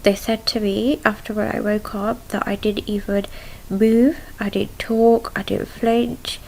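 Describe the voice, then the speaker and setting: A young woman giving a casual video diary in a subdued, halting way, recorded indoors at home on a device at arm's length. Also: mid-range voice, flat delivery, gravelly, darkish tone, poor audio. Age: young adult. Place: small room at home, indoors.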